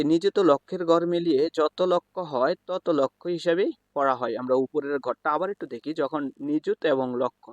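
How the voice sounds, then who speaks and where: A man's voice: a little high, no echo, muffled recording. A man teaching a school math lesson, explaining step by step with frequent fillers and self-corrections. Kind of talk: explaining a lesson while writing on a board.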